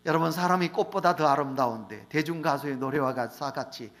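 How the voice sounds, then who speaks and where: A middle-aged man preaching a Sunday sermon, calling out to the congregation and swinging between loud emphasis and hushed lines. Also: on the high side, fairly quick. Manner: repeatedly addresses the congregation directly. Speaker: pastor.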